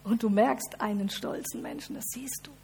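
A woman's voice: on the high side, moderate pace, vocal fry, a little mellow, a little hiss or hum. Emphatic woman preaching a sermon. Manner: emphatic, addresses listeners directly.

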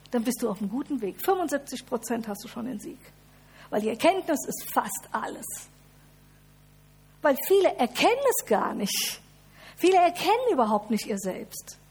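Woman preacher, higher register, emphatic sermon delivery, speaks straight to the congregation. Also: slight background noise. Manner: emphatic, addresses listeners directly.

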